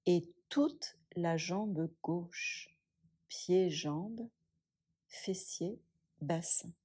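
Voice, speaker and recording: Guiding a yoga relaxation meditation, this instructor keeps her lowish voice soft, breathy and hushed. She soothes with long pauses between phrases.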